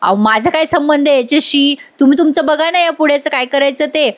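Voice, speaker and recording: A woman voicing a sharp-tongued, scheming woman who brushes off blame. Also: sits high, brisk, voice pushed up, close to an everyday voice. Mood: snappy. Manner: snappy, dismissive.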